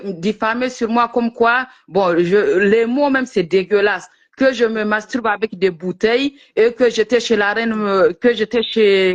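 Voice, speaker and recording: A woman who is a guest on a live stream, ranting indignantly and hurling insults. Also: a little high. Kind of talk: heated live-stream chat.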